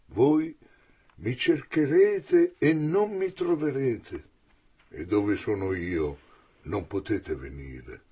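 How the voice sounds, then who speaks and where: A man reading the part of Jesus aloud, proclaiming in a husky, raised voice. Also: mid-range voice, expressive, slow, muffled recording, full character voice. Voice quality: husky, loud and declamatory. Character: man preaching as Jesus, solemn and commanding. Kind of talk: dramatic Bible reading.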